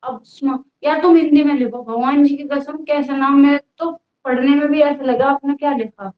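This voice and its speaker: High-voiced young woman teaching online, teasing and chatty, bit of a cold, roomy dull lo-fi sound. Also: fairly even intonation, normal speed. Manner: chatty, teasing, affectionate with students. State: has a cold and cough. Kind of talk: casual live online class.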